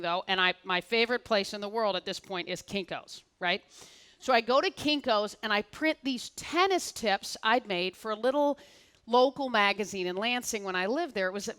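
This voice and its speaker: A middle-aged woman speaking on a conference stage, telling a story in an animated way and acting out both sides of the dialogue. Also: on the high side. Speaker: keynote speaker. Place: conference stage before an audience.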